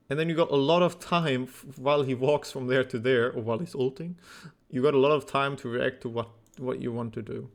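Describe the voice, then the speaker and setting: A man reviews a game replay as a coach, talking bluntly and teasing the player. His voice has a gravelly edge and sits at an ordinary middle pitch. He is slightly out of breath as he talks. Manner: blunt, teasing, thinks aloud with fillers. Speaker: esports coach.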